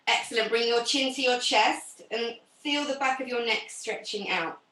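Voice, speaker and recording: Bright-voiced woman leading pilates. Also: fairly high pitch, far from the mic. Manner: gentle, encouraging coaching cues. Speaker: pilates instructor. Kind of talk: guided exercise class instruction. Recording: roomy sound from off the mic.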